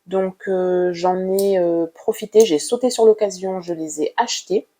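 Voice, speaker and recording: A woman casually showing her drawing supplies in a vlog, talking gently and hesitantly with many fillers. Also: fairly low pitch. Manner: hesitant, with frequent "euh" fillers; unhurried and gentle. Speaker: art vlogger. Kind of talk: casual show-and-tell about drawing supplies.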